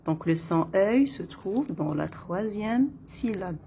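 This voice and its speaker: A woman with an Arabic accent teaching French phonics, repeating each word slowly and counting the syllables. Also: mid-range voice, animated, creaky, warm tone. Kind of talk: slow, deliberate phonics lesson. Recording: faint background noise.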